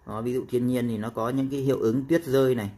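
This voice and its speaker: A man explaining a phone app step by step in a casual tutorial, with frequent pauses and fillers. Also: mid-range voice, fairly even intonation, dark tone.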